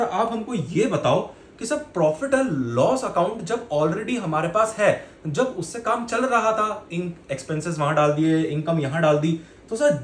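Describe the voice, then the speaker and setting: A pleading, questioning teenage student, put on by a male teacher, pitched a little high. The voice asks and complains in an echoey room with faint noise behind it.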